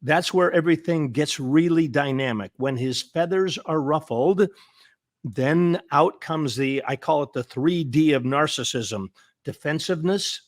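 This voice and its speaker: Earnest male therapist guest, emphatic and repetitive, stammering restarts, slightly high voice, dry close sound. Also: no echo. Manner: earnest and emphatic, repeats words for stress. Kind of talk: conversational interview.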